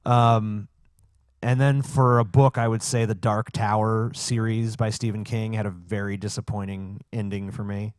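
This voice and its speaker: A male podcast co-host with a fairly low voice. He talks casually and gives blunt, profane opinions. The sound is very dry. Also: level tone, normal speed, smooth, no room sound.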